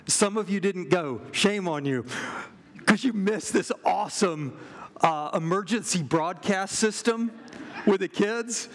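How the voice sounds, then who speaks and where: Man, middle-aged, pastor, sermon, unhurried delivery, fairly high voice, earnest, measured. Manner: earnest, measured, with pauses and restarts.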